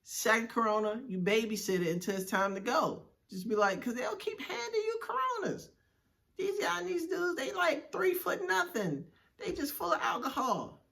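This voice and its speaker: A young man from Washington, D.C., co-hosting a casual couples chat, telling stories in an animated, slangy, joking way. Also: extremely high pitch, moderate pace, creaky. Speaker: co-host.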